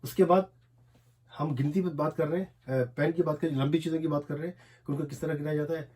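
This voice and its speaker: A man with an Urdu accent teaching a language lesson, explaining as he writes and repeating each word slowly, syllable by syllable. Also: a little high, steady tone, darkish tone. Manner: repetitive, drills words slowly one syllable at a time. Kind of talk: explaining a lesson while writing on a board.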